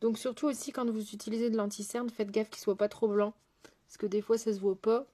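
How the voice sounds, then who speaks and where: A woman makeup artist talks briskly through a live makeup tutorial in a slightly high, warm voice with a flat delivery. It's casual chat, answering viewers' comments as she works, packed with fillers and unfinished sentences.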